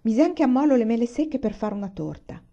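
A woman reading a novel aloud in an expressive storytelling manner. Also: fairly high pitch, brisk, highs cut off. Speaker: reader. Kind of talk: audiobook reading.

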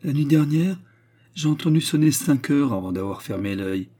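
A languid, plaintive widow in her thirties, as a male narrator puts her on, sighing over her troubles in a voice raised well above his own. Her phrases rise and fall in a theatrical, lively way, and she sounds husky and dark, as in a storybook reading. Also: fairly high pitch, normal speed, voice pushed up.

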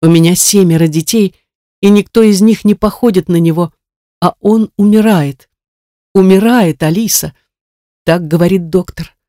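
A distraught mother speaks in pleading, tearful phrases, as an audiobook reader puts her on. The tone is mellow and dark, recorded dry and close. She sounds worn down by worry for her child. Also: mid-range voice, normal speed, no echo, close to an everyday voice. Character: anxious, grieving mother of a sick boy. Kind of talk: audiobook character reading.

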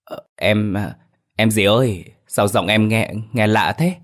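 Male narrator playing a kind young cab driver, low voice, earnest. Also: fairly quick, fairly bright tone. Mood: frightened. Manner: earnest, concerned, stammering when scared.

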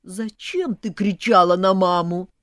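A woman's voice: fairly low pitch, sing-song, measured pace, dry recording, studio quality. A woman voicing a spoiled young male snake groom who whines helplessly about his mother. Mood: whiny. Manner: wailing, helpless.

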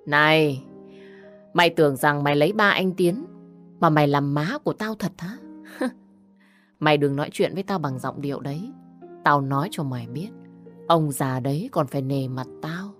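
A woman's voice: low voice, moderate pace, pauses often, faint music behind, lightly acted. A woman voicing a spiteful young woman who taunts and insults in an audio story. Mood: taunting. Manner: taunting, insulting, picking a fight.

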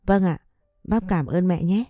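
Tearful three-year-old boy, voiced by a woman narrator, mellow tone, storybook reading. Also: on the low side, unhurried, dry recording, clean studio sound, soft background music, natural voice. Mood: pleading, childlike.

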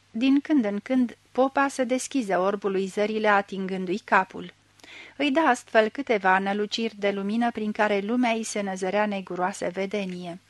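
A woman narrating a literary story in a measured, expressive reading voice. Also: mid-range voice, no room sound. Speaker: audiobook reader.

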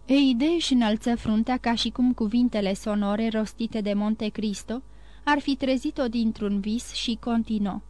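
Brief: female audiobook narrator, higher pitch, measured and expressive. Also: no echo. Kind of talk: scripted literary narration.

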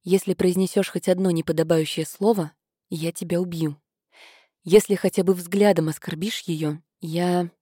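A woman's voice: on the low side, fairly even intonation, a little slow, hardly any pauses, no room sound, clean studio sound. A woman reading an icy, menacing young lord. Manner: quiet, icy, threatening. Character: menacing young nobleman, coldly furious.

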